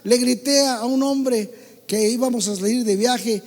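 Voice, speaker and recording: Mexican pastor preaching in an echoing hall. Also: male voice, very high-pitched, moderate pace. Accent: Mexican Spanish. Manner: exhorting the congregation, swinging between loud calls and soft asides. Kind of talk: sermon. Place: church hall.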